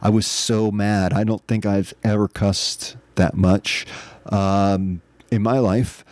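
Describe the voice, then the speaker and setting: A man's voice: fairly low pitch, level tone, takes it slowly, darkish tone, dry recording. A man hosting his own podcast, telling a personal story in a candid, earnest, self-reflective way in casual monologue. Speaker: podcast host.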